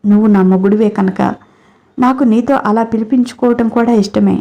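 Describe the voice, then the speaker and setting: A woman's voice: fairly high pitch, steady tone, fairly quick, mellow. Woman voicing a hurt, fiery young wife. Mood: angry. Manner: emotional, scolding. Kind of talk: storybook character reading.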